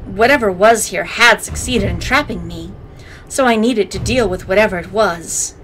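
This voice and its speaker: A woman's voice: mid-range voice, moderate pace, fairly bright tone, rough recording. Playful woman narrating a game over music. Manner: playful, sassy asides. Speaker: let's play host. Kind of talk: reading game narration aloud with joking commentary. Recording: faint game music behind.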